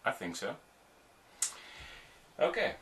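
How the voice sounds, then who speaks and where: A middle-aged man, giving an informal video tutorial on performing for the camera, with frequent ums and restarts. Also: pushed and bright. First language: Dutch. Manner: halting, many ums and restarts, demonstrative. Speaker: audiovisual producer teaching on-camera skills.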